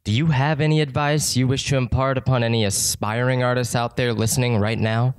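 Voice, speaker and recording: A man hosting a comedic radio interview, deadpan, with dry, formal phrasing. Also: medium pitch, fairly quick, smooth, dry recording. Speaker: radio host.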